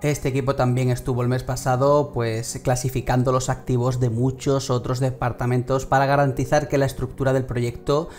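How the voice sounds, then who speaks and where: A man's voice: mid-range voice, flat delivery, moderate pace, few pauses, a little mellow. Spanish guy from spain doing the monthly game news on his channel, home mic, lots of "pues" and "eh", music playing behind. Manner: reads steadily with casual fillers. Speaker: gaming channel host. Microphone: home studio microphone. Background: background music.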